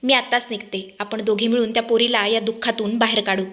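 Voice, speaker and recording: A woman's voice: on the high side, flat delivery, fairly quick, a bit bright, close to an everyday voice. A woman voicing a worried elderly grandmother who asks anxious, pleading questions in a Marathi serial recap. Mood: tearful resolve.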